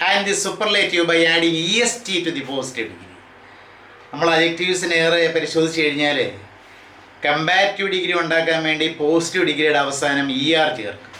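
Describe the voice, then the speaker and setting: A man teaching English grammar to exam students. He reads rules out slowly and drills word forms one by one. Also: on the high side, sharp tone, reverberant, a little hiss or hum, rough recording. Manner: reads English rules out slowly, then explains them at a quicker pace. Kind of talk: classroom lecture for exam students.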